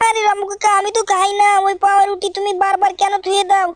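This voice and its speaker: A woman voicing a mischievous, hot-tempered little boy in a fan-dubbed game video, talking in a shrill, whiny way. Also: completely flat delivery, fast, no echo. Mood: angry.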